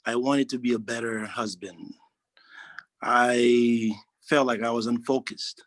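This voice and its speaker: A Haitian man in his 40s who works as a social worker speaks earnestly in a testimonial interview, halting and restarting often. His mid-range voice has fairly even intonation, with no room sound.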